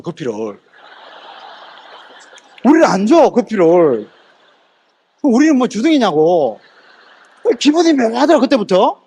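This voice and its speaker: Fiery high-voiced man telling a story. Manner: fiery, animated, acts out quoted people; addresses audience directly with rhetorical questions. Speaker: direct sales motivational speaker. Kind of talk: motivational seminar storytelling.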